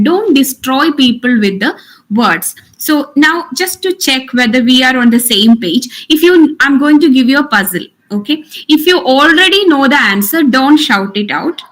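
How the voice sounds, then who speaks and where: A woman's voice: sits high, fairly bright tone. A woman teaching an online workshop, instructive, restating her points for emphasis. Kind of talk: interactive lecture.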